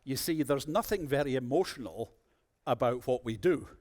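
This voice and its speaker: A man's voice: medium pitch, normal speed, pitched below the performer's own voice, lightly acted. A man speaking as a gloomy, defeatist charity manager he once met. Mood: glum. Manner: gloomy, flat.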